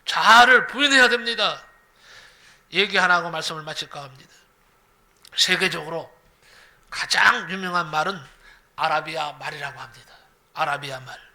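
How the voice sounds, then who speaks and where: A man's voice: a little high, moderate pace, pauses often. A male pastor preaching a sermon, telling a story and asking the congregation questions. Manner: lively, repeats phrases, asks the congregation questions.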